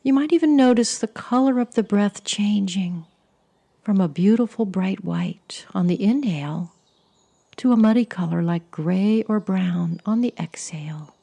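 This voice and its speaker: Slow, breathy woman guiding a meditation. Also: medium pitch. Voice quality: breathy, husky. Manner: soft, breathy, soothing delivery, often near a whisper. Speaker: meditation guide. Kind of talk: guided meditation.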